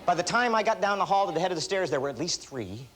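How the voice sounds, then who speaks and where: Brief: man giving a motivational seminar, fairly high voice, lively self-mocking storyteller. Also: fast talker, background noise. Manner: animated, self-deprecating storyteller. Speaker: motivational speaker. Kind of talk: seminar talk with anecdotes.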